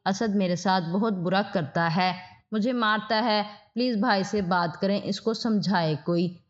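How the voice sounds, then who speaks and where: A woman voicing a suffering young wife in a spoken story, with soft, pleading lines. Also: medium pitch, lightly acted. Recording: dull lo-fi audio.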